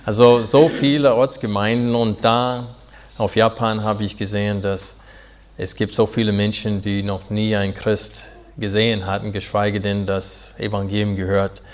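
A pastor in his forties from Arkansas, with an American accent and English as his first language, preaching in earnest, halting German full of fillers. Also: fairly low pitch, flat delivery. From Arkansas, USA. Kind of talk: sermon.

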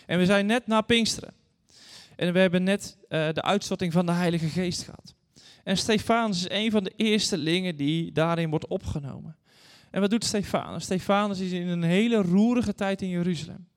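A man's voice: high voice, normal speed. A man in his thirties or forties preaching a sermon, reading scripture and telling stories earnestly to the congregation. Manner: earnest, storytelling, addresses congregation directly. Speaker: guest preacher. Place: church hall. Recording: long church reverb.

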